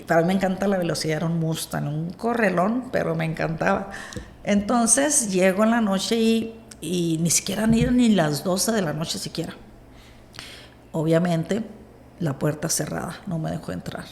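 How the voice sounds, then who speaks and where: A woman with a Mexican accent, a podcast guest, telling a personal story in a lively way and acting out what others said. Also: on the low side, normal speed, gravelly, slight background noise. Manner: animated retelling, acts out quoted dialogue.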